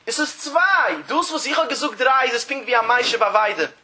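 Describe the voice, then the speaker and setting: A man with a high, piercing voice leads a traditional study-hall lesson. He chants in a sing-song cadence and stretches out key phrases. He slips into the voices of the people who argue over a debt. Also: expressive, moderate pace, pushed and bright, a little hiss or hum. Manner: acts out the disputing parties in quoted voices. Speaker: Talmud teacher.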